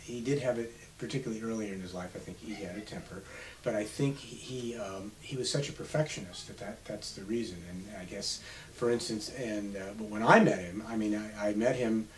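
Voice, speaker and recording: A man in his seventies, an author being interviewed on radio, telling unhurried stories from his past. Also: lowish voice. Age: 70s. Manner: reminiscing, unhurried storytelling. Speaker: author guest. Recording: slightly distant mic with faint hiss.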